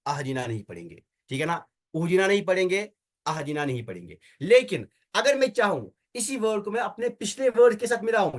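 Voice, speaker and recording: A male teacher lecturing on Arabic word roots for Quran recitation, with a voice pitched a little high for a man. He keeps the class with him by asking short questions and answering them himself, repeating key terms. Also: fairly bright tone. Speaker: Tajweed teacher.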